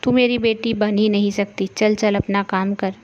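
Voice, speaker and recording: A woman's voice: medium pitch, fairly even intonation, normal speed, a little mellow, highs cut off, close to an everyday voice. A woman voicing a harsh scolding stepmother. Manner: scolding, bossy.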